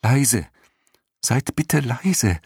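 A man's voice: medium pitch, lively intonation, normal speed, creaky, darkish tone, slightly rough, dry recording, clean studio sound, pitched above the performer's own voice, full character voice. A man voicing a desperate young boy who pleads in an anxious half-whisper in an audiobook. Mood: pleading. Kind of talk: audiobook character voice.

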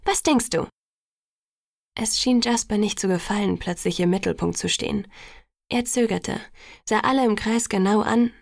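Creaky-voiced woman narrating an audiobook. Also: medium pitch, moderate pace, no room sound, studio quality. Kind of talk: first-person novel narration.

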